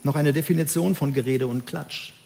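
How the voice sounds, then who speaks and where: A man preaching a sermon, emphatic and lively, who acts out the voices of the people he quotes. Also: a little high, moderate pace, vocal fry, big-room sound.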